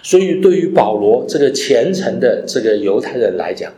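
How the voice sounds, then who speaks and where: A man's voice: mid-range voice, big pitch swings, normal speed, warm tone. A man preaching a sermon, teaching and asking his listeners rhetorical questions, mixing English phrases into his talk. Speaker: pastor. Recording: echoey room.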